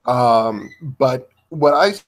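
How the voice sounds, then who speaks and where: A man talking slowly in a livestream discussion, pausing often and searching for his words as he builds his argument. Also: mid-range voice.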